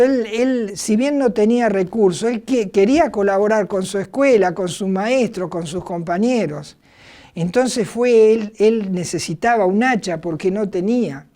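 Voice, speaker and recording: A woman's voice: mid-range voice, mellow. A middle-aged woman with an Argentine accent, preaching by retelling a Bible story, hesitant and full of fillers. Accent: Argentine Spanish. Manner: hesitant, many fillers and restarts.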